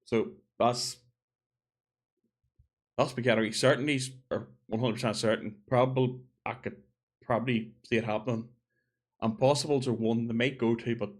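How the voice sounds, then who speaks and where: Chatty man thinking aloud. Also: mid-range voice. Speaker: gaming video creator. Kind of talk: casual opinion monologue.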